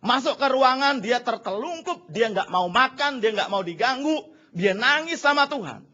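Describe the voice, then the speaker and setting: A man preaching a sermon to his congregation, telling Bible stories with lively storytelling and speaking to the listeners often. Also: very high-pitched, moderate pace, dull audio. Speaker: pastor. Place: church hall.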